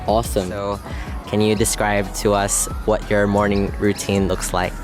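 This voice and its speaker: A man's voice: on the low side, little pitch movement, moderate pace, over music. A man hosting casual interviews, asking questions and murmuring encouragement as guests talk. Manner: encouraging, frequent soft back-channel murmurs.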